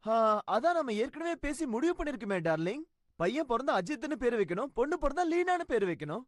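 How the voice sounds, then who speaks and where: A woman voicing an excitable young cartoon father who fusses and scolds. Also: sits high, a little fast, dry recording, clean studio sound. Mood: doting. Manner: fussy, scolding. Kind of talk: animated cartoon dub acting. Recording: faint background music.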